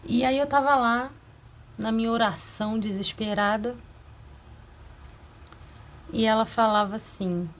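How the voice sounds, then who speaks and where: A woman's voice: on the high side, steady tone. Woman rambling in a confessional diary vlog. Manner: confessional, rambling, with quick asides. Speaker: vlogger.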